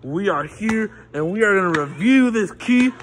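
A man's voice: high voice, animated, moderate pace, slight background noise. A teenage boy co-hosting a casual key review outdoors, laid-back and slangy with short replies. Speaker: co-host reviewer.

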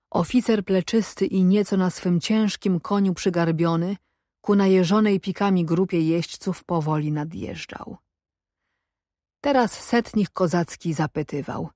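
Slow low-voiced woman narrator. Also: no echo, studio quality. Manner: measured, even storytelling. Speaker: audiobook narrator. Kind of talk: scripted narration.

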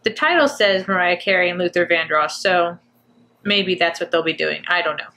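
A woman's pushed, bright voice on the low side carries this casual reaction chat to camera at a moderate pace. She hosts a music reaction video, gushing and rambling with fillers and false starts.

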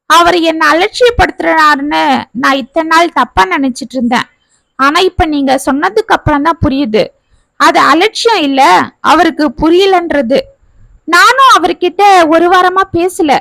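A woman's voice: high-pitched, normal speed, creaky, pushed and bright, dry recording, exaggerated voice. A woman voicing a young working wife who confesses tearfully that she misjudged her husband. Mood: apologetic. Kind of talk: storytelling narration.

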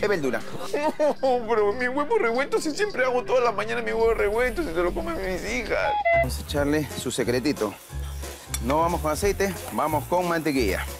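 A man's voice: sits high, big pitch swings, fairly quick, creaky, music in the background. A man competing on a cooking show, joking and calling out in a sing-song way as he cooks. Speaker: celebrity contestant. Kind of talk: casual chat while cooking. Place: TV studio kitchen set.

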